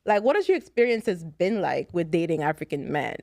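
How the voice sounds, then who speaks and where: A woman's voice: fairly low pitch, sing-song, brisk, vocal fry, darkish tone, no room sound, studio quality. A woman hosting a casual podcast chat with friends, asking many questions. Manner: chatty, asks many questions. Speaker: podcast host.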